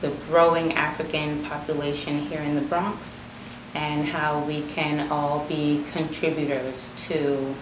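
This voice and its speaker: A woman working as a community outreach liaison, answering interview questions in a measured way with frequent fillers. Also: low-pitched, level tone. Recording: echoey room with noise.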